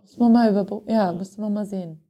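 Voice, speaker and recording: Lively, laughing woman with a mellow voice. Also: medium pitch. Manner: lively, laughs often, quick self-corrections. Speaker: podcast guest. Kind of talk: casual conversation. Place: recorded in Stockholm.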